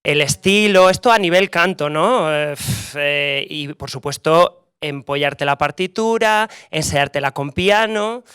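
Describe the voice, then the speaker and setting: A man's voice: a little high, unhurried, few pauses, a bit bright, clean tone, dry recording, clean studio sound. A man, a musical theatre actor, giving practical casting advice to students in a casual way. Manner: practical, casual, with tag questions. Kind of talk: panel talk to students.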